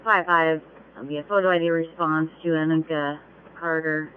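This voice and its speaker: A man's voice: on the high side, steady tone, moderate pace, clear, resonant tone. A man, a police dispatcher, answering over a police radio with terse, coded replies. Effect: police radio transmission. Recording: tinny radio line.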